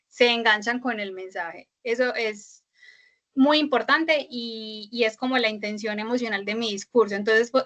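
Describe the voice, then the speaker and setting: A woman teaching a class online, her voice bright, forward and a little high. She explains step by step, fills pauses with "eh" and checks in with her listeners after each point. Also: highs cut off. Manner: explanatory, many "eh" fillers and tag "¿cierto?". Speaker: instructor.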